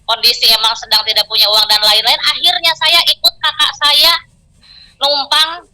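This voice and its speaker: A middle-aged woman recounts her own hardships in a heartfelt testimony, acting out the voices of others in her story. Her voice is very bright and sits a little high. The sound is thin and tinny, like a telephone recording. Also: little pitch movement, moderate pace. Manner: emotional, storytelling with quoted dialogue. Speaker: business success story guest. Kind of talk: personal testimony.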